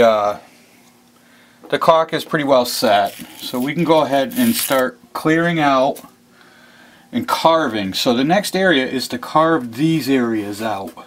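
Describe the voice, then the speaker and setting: Relaxed man explaining a hobby project. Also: medium pitch, a little hiss or hum. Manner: relaxed, explains step by step, repeats himself. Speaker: model railroad hobbyist demonstrating. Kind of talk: casual how-to narration while working. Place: hobby room at a model train layout.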